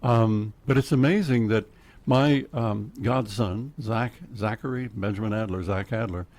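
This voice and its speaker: Here the older man's voice runs low and darkish, delivered at a measured pace. He's chatting casually on the radio from a studio, an Oklahoma-accented storyteller who rambles, laughs frequently, and leaps between topics.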